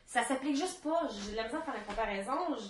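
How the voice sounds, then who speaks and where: A woman's voice: high voice, lively intonation, fast, crowd noise. A woman from Canada with a Quebec French accent, chatting casually on a podcast. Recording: roomy, echoey room sound.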